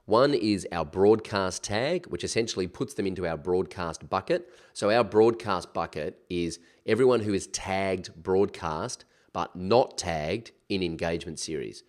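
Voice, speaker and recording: A man with a low-pitched voice walks through a software task in a casual, chatty way. He sounds stuffed up from a cold, with a nasal, pinched-nose tone. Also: measured pace, hardly any pauses. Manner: chatty, informal, with slangy asides. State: recovering from a cold. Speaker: software tutorial instructor. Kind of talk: casual screen-share tutorial.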